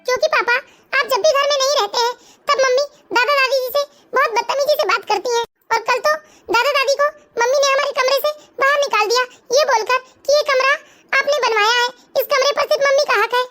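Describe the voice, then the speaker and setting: A performer with a very high voice playing an upset, blunt young schoolboy in an animated family story. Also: brisk. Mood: complaining. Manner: sulky, blurts complaints. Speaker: cartoon character.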